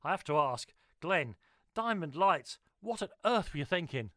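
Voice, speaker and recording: A man hosting an interview, asking brisk, teasing questions. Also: a little high, lively intonation, pushed and bright, dry recording. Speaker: radio interviewer.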